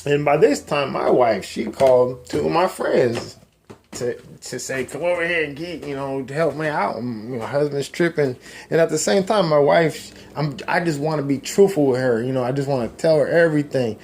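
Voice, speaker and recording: A man in his forties telling his religious testimony in a rambling, halting way, with many restarts and trailing asides. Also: on the high side, vocal fry, a little mellow, a little hiss or hum. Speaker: person sharing a testimony. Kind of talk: casual personal testimony.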